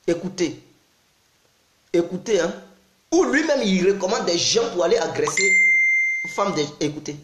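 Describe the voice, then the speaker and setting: A man's voice: sits high, lively intonation, normal speed, long pauses, echoey room, heavy background noise. A man delivering an accusatory monologue and repeatedly urging listeners to pay attention. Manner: insistent, repetitive, urging listeners. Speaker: accusatory commentator. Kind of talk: denunciation monologue.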